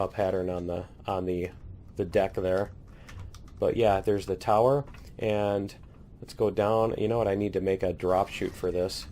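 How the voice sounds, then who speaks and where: A man chatting casually as he tours his base in a building game, rambling and laughing, a little hoarse and clearing his throat now and then. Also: on the low side, dark tone, a little hiss or hum. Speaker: let's play host. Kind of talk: casual gameplay commentary.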